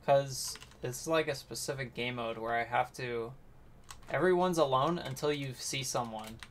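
A man's voice: mid-range voice, measured pace, slight background noise. A man chatting casually while recording his gameplay, dry and self-deprecating, with a mumbling delivery. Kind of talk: casual chat while playing.

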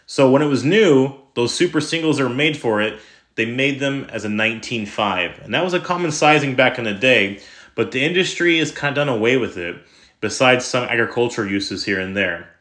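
A man's voice: medium pitch, lively intonation, brisk, a bit bright. Enthusiastic man narrating a truck build. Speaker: truck builder and channel host. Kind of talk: scripted voice-over narration.

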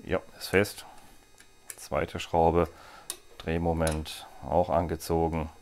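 In a small workshop with slight background noise, a man in his forties demonstrates bike gear as he fits parts to a bike. His voice is rumbling low, darkish and monotone, and he takes his time, chatting casually and tossing in jokes.

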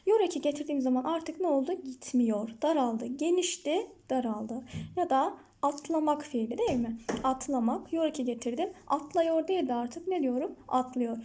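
High, mellow-voiced woman teacher. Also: lively intonation. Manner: asks the class questions and answers them herself; repeats example words slowly and clearly. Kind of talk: online lesson explaining grammar slides.

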